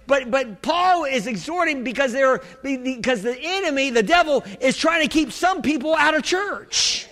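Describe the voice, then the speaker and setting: A man's voice: extremely high pitch, lively intonation, moderate pace, a bit bright. A man preaching a church sermon as a pastor, emphatically exhorting his congregation and calling for amens, often repeating and restarting his phrases. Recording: reverberant hall.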